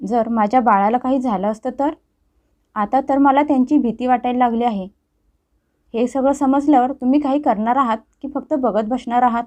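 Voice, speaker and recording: A woman's voice: a little high, moderate pace, a little mellow, lightly acted. A woman voicing a wronged young wife who speaks in an upset, pleading way, in a story reading with a dull sound. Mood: angry.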